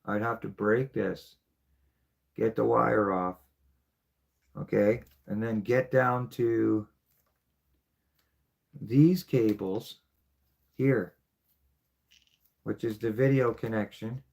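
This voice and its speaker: A man's voice: on the low side, steady tone, slow, vocal fry, pauses often, a little mellow. A middle-aged man, casually explaining his fishing gear and rambling on, often tagging lines with "right?". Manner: chatty, rambling, keeps asking "right?". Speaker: fishing channel host. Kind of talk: casual show-and-tell explanation.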